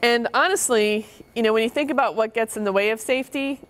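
A woman's voice: a little high, fast talker, fairly bright tone. A middle-aged woman giving a public lecture to parents on child safety, earnest and stressing key words by repeating them. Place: meeting room with audience.

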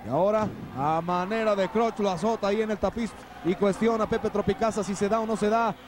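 A Mexican man working as a wrestling commentator, calling lucha libre play-by-play in an excited, dramatic sportscaster delivery. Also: high voice, brisk. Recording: noisy old TV broadcast, arena ambience.

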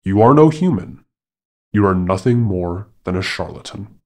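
Man reading as a tiger, male, scarred veteran, stern, measured, low voice. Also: expressive.

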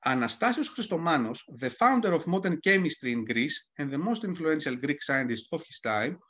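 A man's voice: on the high side, very animated, fairly quick, fairly bright tone. A man reading a prepared history lecture as a panel speaker, scholarly and careful, now and then correcting himself mid-phrase.

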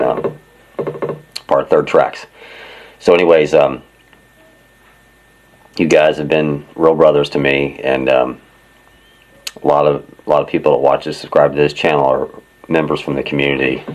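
A man who is a retired Marine and hosts a channel, talking casually to his viewers in a plain-spoken, halting way with many fillers. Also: very deep voice, low-quality recording. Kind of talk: casual talk to camera.

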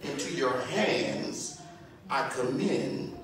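A middle-aged man preaching a sermon from a church pulpit, building his call-and-response delivery up to shouts. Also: medium pitch, expressive, drawn-out words. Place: large church sanctuary, indoors, at the pulpit. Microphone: pulpit mic, recorded by a far camera. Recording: echoey church sanctuary from far off.

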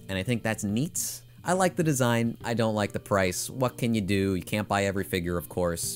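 Low-voiced man, a bit hoarse, chatty. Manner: chatty, opinionated, thinking aloud with frequent fillers. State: losing his voice. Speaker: figure collecting channel host. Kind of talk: casual product review.

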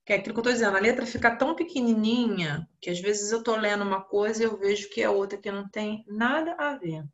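A woman with a Brazilian Portuguese accent teaches English in a live online class over a video call, her medium-pitched voice with the highs cut off. She explains exercises slowly, using many fillers and tag questions.

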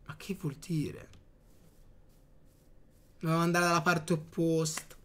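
A man giving casual gameplay commentary, chatting to his viewers with excitable outbursts. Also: fairly high pitch, slow pace. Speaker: gaming youtuber.

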